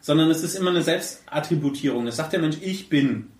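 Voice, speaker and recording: A podcast host with a fairly high voice talks a little fast, sounding animated and emphatic and dropping blunt, casual remarks. He sits back from the mic in an echoey room, so he comes across as distant.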